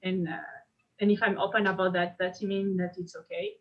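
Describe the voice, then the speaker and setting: A woman's voice: lowish voice, little pitch movement, brisk. Outspoken woman. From France. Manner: outspoken, open. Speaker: participant. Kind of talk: casual discussion. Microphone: video call. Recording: dull lo-fi video call audio.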